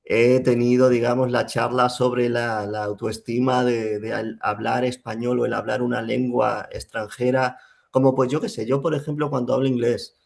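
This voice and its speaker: A young man talks it over in an interview. His gravelly voice sits at a middle pitch. He thinks aloud and often restarts his sentences. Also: flat delivery, moderate pace. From Spain. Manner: reflective, many fillers and restarts. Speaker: Spanish teacher, guest. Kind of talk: casual interview talk.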